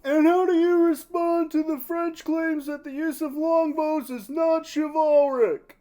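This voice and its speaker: Man playing a very high-voiced field reporter. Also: fairly even intonation, unhurried, dark tone. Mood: eager, probing. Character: earnest male field news reporter at a medieval battle. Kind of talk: mock TV news interview.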